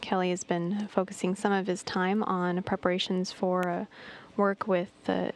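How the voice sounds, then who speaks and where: A woman mission control commentator narrating a live status update in a measured, halting way with hesitant pauses. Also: on the low side, flat delivery, a little hiss or hum.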